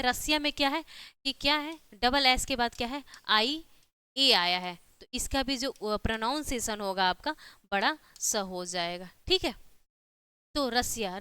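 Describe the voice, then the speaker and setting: Woman, teacher, online exam-prep lesson, rhetorical questions, very bright tone, dry close sound. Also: a little high, clean tone, no room sound. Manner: repeats "ठीक है" and rhetorical questions, explaining step by step.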